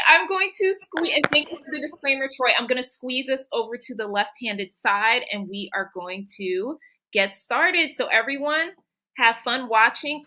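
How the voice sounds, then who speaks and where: A woman's voice: a little high, pushed and bright. A woman moderating a livestream panel as host, speaking in an effusive, encouraging way.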